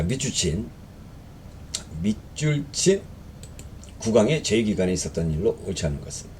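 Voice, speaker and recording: Animated man giving a history lecture. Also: medium pitch, a little hiss or hum. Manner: conversational, with frequent fillers and rhetorical questions; reads questions aloud then explains. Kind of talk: exam-prep lecture.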